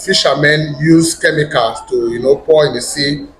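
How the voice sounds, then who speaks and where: A man with a Nigerian accent, a priest who lectures in philosophy, giving a measured academic talk with filler phrases. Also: on the high side. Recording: echoey room, faint noise.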